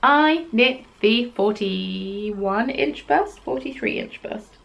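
A young woman hosts a knitting podcast from her small home craft room, yarn lining the wall behind her. Her slightly high voice moves slowly with lively intonation and vocal fry as she chats casually, rambling and self-deprecating, with plenty of ums. A little hiss or hum is audible.

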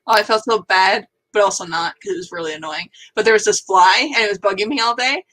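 Bright-voiced young woman telling stories. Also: mid-range voice, fast talker. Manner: chatty storyteller, acts out her own reactions. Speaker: co-host of writing sprint stream. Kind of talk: casual chat.

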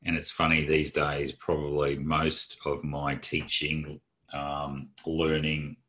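A man's voice: rumbling low, monotone, takes it slowly, fairly bright tone. A man giving a casual, rambling talk to a group of financial professionals, open and chatty, with lots of fillers and restarts. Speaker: presenter of a training session for advisers.

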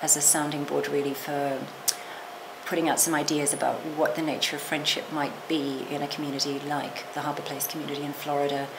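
A middle-aged literature professor speaks thoughtfully in an interview, her low voice level and brisk as she qualifies herself with restarts and asides. The reflective talk is captured while she sits in a small lecture room, and the recording is noisy.

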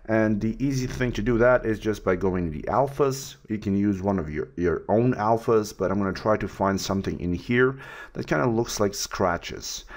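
Male tutor, very deep voice, relaxed screen-capture walkthrough with frequent fillers. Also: moderate pace. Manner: relaxed, with many fillers and restarts. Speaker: 3D art tutor. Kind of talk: screen-recorded software tutorial.

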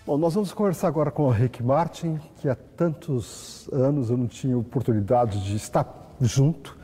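A man's voice: mid-range voice, moderate pace, warm tone, breathy edge, faint music behind. A middle-aged man with a Brazilian accent, hosting a conversational celebrity interview. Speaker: television host, interviewer. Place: indoor hotel room set up for interview.

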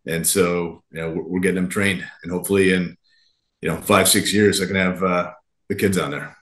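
A man's voice: low-pitched, steady tone, brisk, fairly bright tone. A man who races sailboats, answering interview questions in an easygoing, agreeable way. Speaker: racing sailor guest. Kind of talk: casual interview.

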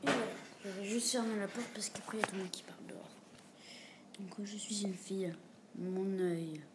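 A woman casually chatting with a chatbot on camera at home, reading its replies aloud and often dropping to a quiet, half-whispered mutter. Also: medium pitch, steady tone, normal speed, heavy background noise. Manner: reads the bot's replies aloud and answers them. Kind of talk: casual gaming commentary. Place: room at home with a door.

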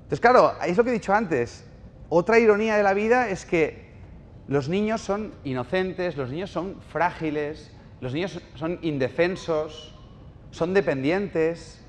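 A man's voice: high-pitched, a little slow, big-room sound, a little hiss or hum. A man giving a live talk, telling stories with irony and asking the audience questions. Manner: storytelling, ironic, asks the audience questions. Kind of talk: live lecture. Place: bookshop event space with audience.

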